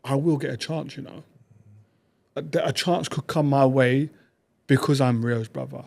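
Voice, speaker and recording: A man, a podcast guest telling stories about his past in quick, animated bursts. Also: medium pitch, gravelly. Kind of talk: reflective conversational storytelling.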